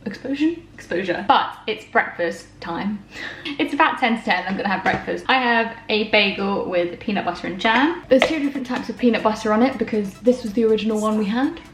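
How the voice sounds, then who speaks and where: A woman's voice: mid-range voice, a little fast, slight background noise. A young woman vlogging casually from her bedroom, rambling and self-deprecating as she chats. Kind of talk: casual vlog chat. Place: bedroom at home.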